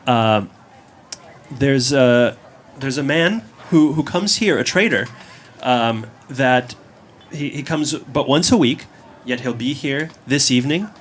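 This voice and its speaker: A man's voice: mid-range voice, lively intonation, slow, a little hiss or hum, voice pushed up. A man doing a hesitant village barman. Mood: obliging. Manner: hesitant, full of ums and restarts. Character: village barman, helpful middle-aged man. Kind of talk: tabletop game voice acting.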